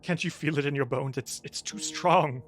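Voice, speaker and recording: A man's voice: on the high side, normal speed, a little hiss or hum, lightly acted. A man playing a scared, dissolving monk. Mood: frightened. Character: frightened male warrior monk around forty, dissolving.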